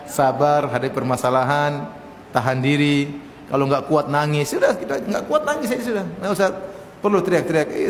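A man's voice: a little high, a little hiss or hum. A male preacher giving a joking, storytelling sermon to an audience, quoting Arabic lines. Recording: echoey hall.

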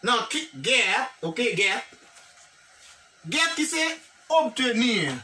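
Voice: medium pitch, very animated, drawn-out words, pushed and bright, recorded from a distance, a little hiss or hum. A teacher with a Haitian accent giving a classroom grammar lesson, drilling example sentences one by one and checking in with the class. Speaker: English teacher.

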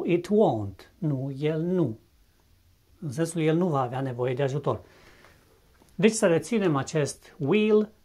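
A man teaching a recorded English lesson, who explains patiently and says each English example slowly and clearly before translating it. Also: a little high, darkish tone. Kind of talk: recorded video lesson narration.

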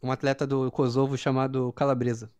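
A woman's voice: very deep voice, level tone, a little fast, dark tone, no room sound. A woman in casual gaming chat with friends, talking at length. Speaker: fellow player.

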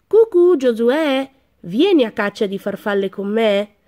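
A woman's voice: on the high side, expressive, unhurried, a little mellow. A woman voicing a young male wolf who is far too emotional, swinging between glee, anger and tears in a storybook. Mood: gleeful.

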